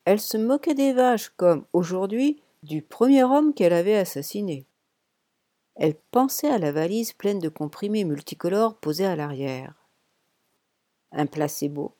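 A woman narrating a novel chapter in a measured, deliberate reading with pauses. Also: mid-range voice, animated, warm tone, no room sound. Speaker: audiobook narrator. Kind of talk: scripted narration.

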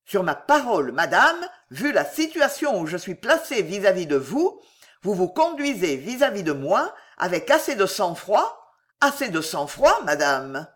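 A woman's voice: medium pitch, big pitch swings, measured pace. A woman voicing a jealous, indignant middle-aged man in an audiobook, blustering and menacing. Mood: angry, accusing. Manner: blustering, menacing, repeats "monsieur". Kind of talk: audiobook character reading.

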